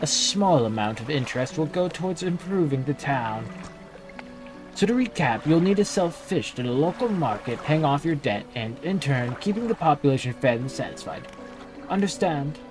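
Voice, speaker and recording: Give me a man playing a measured, businesslike mayor over game music. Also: fairly high pitch, lively intonation, close to an everyday voice. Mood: smoothly formal.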